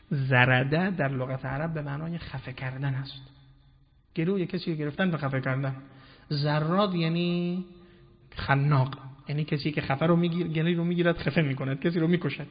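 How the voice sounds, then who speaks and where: A man giving a formal, explanatory religious lecture and quoting Arabic verses. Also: a little high. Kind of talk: religious lecture on Quranic wording. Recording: dull lo-fi recording with long hall reverb.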